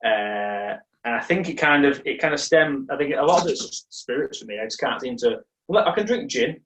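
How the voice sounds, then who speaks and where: A man's voice: mid-range voice, expressive, brisk, fairly bright tone, roomy sound, far from the mic, slight background noise, low-quality recording. A young man co-hosting a podcast, telling a story in a rambling, self-mocking way with many restarts. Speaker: podcast co-host. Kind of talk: casual chat, storytelling.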